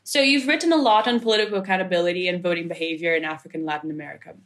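A woman interviewing a researcher, asking measured questions and adding brief backchannel replies. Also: lowish voice, a bit bright.

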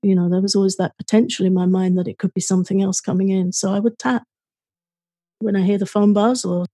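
A woman co-hosting a podcast, giving calm self-help advice in a conversational way. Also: medium pitch, brisk, no echo, studio quality. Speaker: podcast co-host.

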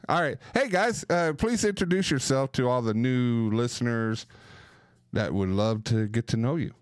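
A man's voice: mid-range voice, moderate pace, clear, resonant tone, no echo, studio quality. A man hosting a casual talk show, joking and playful, often slipping into mock voices. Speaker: podcast host. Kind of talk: lively casual chat.

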